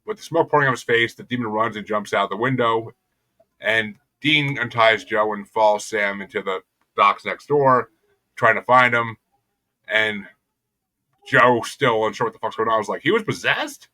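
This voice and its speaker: A man's voice: lowish voice, normal speed, pushed and bright, poor audio. A young adult man casually recapping a TV episode as a podcast co-host, tossing in crude jokes. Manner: crude, joking retelling of plot.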